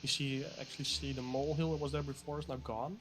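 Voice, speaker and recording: A man narrating a tabletop game as game master, halting and searching for words. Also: medium pitch, little pitch movement, over music.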